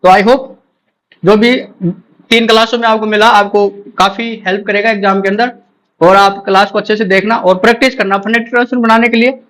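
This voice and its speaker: A man teaching an exam-prep phonetics lesson, repeating key points and drilling sounds slowly aloud. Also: high-pitched, steady tone, a bit bright, low-quality recording. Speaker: English teacher.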